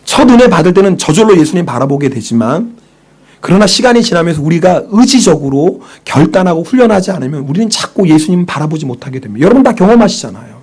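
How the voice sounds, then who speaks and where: A male pastor preaching a sermon in an animated way, questioning the congregation and answering himself, sometimes dropping to a whisper. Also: on the high side, fast, husky. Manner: drops to a whisper for inner thoughts.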